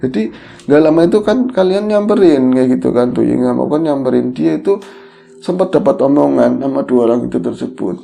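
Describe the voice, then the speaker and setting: A man, co-hosting a podcast and telling a ghost story in a casual, animated way, acting out the voices he quotes. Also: mid-range voice, brisk, gravelly, faint music behind. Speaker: horror podcast co-host.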